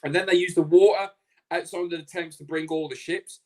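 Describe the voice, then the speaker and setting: A man's voice: on the high side, fairly quick. A man co-hosting a casual talk show, telling blunt stories full of swearing. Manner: blunt, sweary, animated storytelling. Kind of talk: casual podcast chat.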